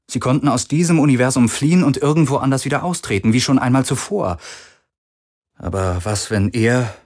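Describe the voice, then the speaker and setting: A man narrating a science-fiction audiobook in a measured, steady way. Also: mid-range voice. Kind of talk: scripted narration.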